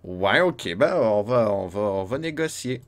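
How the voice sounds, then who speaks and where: Slow-talking Québécois man gaming. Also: lowish voice, expressive. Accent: Quebec French. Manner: chatty, laughing, talks to chat. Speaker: streamer playing a retro RPG. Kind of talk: casual let's-play commentary.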